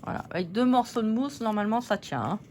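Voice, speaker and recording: A chatty woman hosts a casual scrapbooking tutorial, giggling and poking fun at herself as she works. Her voice sits a little high and moves up and down a lot. A faint hiss runs under the recording. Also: lively intonation, quick pace, darkish tone. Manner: chatty, giggly, self-mocking.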